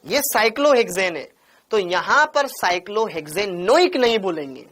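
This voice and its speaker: A man's voice: high-pitched, lively intonation, normal speed, fairly bright tone. A man teaching chemistry in an online class, drilling points over and over and scolding students by name. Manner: calls students by name and "beta".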